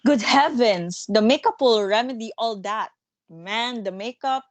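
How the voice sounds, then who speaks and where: A woman in a dramatic play reading, playing a self-assured theatre manager with a brisk, scornful, commanding manner. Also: fairly high pitch, no echo, natural voice. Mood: dismissive, commanding.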